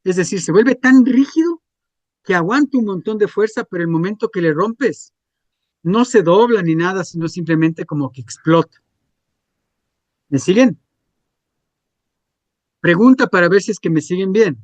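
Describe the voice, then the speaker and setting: A man's voice: high voice, animated, moderate pace, pauses often, no echo. A man, teaching a class and checking in with students through frequent questions. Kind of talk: classroom lecture.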